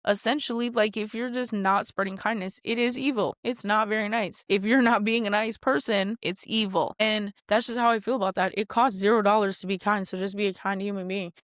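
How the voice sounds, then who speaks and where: A woman in her late twenties hosting a podcast alone, in a chatty, animated manner full of asides. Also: a little fast, hardly any pauses, no echo, clean studio sound. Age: 20s. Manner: chatty, animated, frequent asides and jumps in pitch. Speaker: podcast host. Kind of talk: casual solo podcast monologue.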